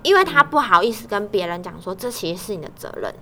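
A woman's voice: medium pitch, animated, quick pace, pushed and bright, a little hiss or hum. A woman chatting casually about office life, animatedly acting out her coworkers' lines.

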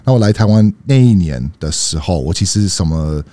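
A young American man with a very low, mellow voice, recorded close and dry. He speaks fluent Mandarin as a foreigner with an American accent. His native English slips into the casual chat. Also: lively intonation, brisk, dry recording. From United States.

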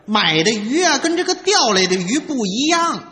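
A man with a Tianjin accent leading a crosstalk routine, telling a comic story in a quick, animated way. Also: extremely high pitch, in a large hall. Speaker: lead crosstalk performer.

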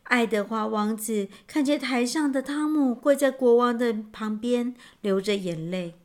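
A woman narrating a children's story in an animated, expressive storytelling manner. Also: fairly high pitch, measured pace.

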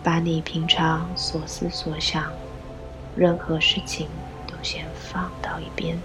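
A woman leading a guided meditation, gently giving instructions in a soft, breathy voice with pauses. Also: deep voice, level tone, poor audio. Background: background music.

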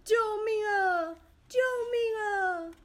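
A woman voicing a man trapped in a pit, shouting and pleading for rescue in a storybook reading. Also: very high-pitched, slow, pitched above the performer's own voice. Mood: desperate. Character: adult man stuck in a pit, calling for help.

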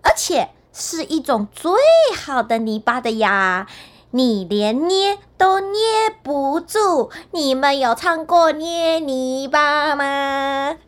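A woman reading a storybook and voicing a foolish, cheerful young man who shouts gleefully and draws out his calls. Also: sits high, slow. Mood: gleeful, loud.

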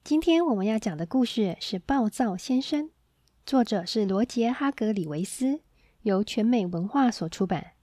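A woman storyteller reading a children's story aloud in a gentle, expressive way, on a close mic. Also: a little high, moderate pace, no room sound.

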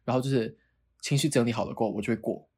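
Quick, husky-voiced podcast co-host. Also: mid-range voice, darkish tone. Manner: hesitant, repeats words, laughs often. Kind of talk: casual chat.

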